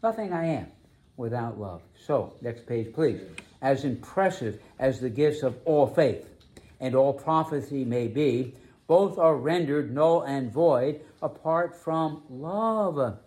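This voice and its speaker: A man preaching a sermon as pastor, emphatic, slowing down to stress key phrases. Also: mid-range voice, a little mellow.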